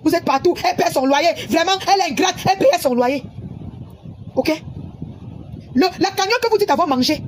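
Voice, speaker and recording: A high-pitched woman rants heatedly into her phone camera, scolding her audience and repeating her points. Loud background ambience and passing traffic fill the recording. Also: animated, moderate pace, long pauses. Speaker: social media personality. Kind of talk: angry livestream rant.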